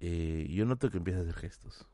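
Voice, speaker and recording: A man with a Lima Peruvian accent, a podcast host telling a self-mocking anecdote in a casual, animated way. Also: low-pitched, a little fast, dry recording. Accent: Peruvian Spanish, Lima.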